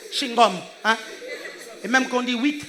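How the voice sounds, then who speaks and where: A man from Gabon with a Gabonese French accent, a pastor preaching a sermon. He speaks emphatically, laughs between phrases, swings between loud and hushed delivery, and keeps asking whether the congregation is following. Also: extremely high pitch, expressive, moderate pace.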